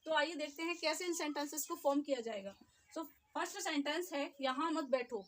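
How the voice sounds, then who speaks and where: A woman teacher, explaining short sentences step by step and repeating each phrase slowly. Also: high-pitched, a bit bright. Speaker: English teacher. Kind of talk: spoken English lesson.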